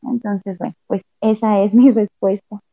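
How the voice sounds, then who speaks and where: A woman's voice: medium pitch, fairly even intonation, a little slow, creaky, no echo. A woman, a cultural promoter giving a reflective panel answer with frequent restarts over a call. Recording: tinny phone-like line, dry.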